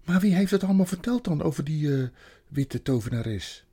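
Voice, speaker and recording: A man voicing a sulky, hesitant young boy who stammers, with a raspy, gravelly voice. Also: on the high side, expressive, normal speed, warm tone, voice pushed up.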